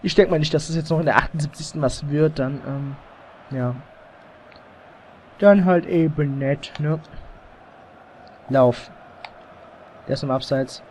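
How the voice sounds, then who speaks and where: A gamer with a slightly high voice talks through his match in loose, casual bursts. He gets excited and groans or swears when plays go wrong. The mic is slightly overdriven at times. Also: unhurried, long pauses, slight background noise. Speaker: let's play gamer. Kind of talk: casual live gameplay commentary. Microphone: headset or desk mic, slightly overdriven.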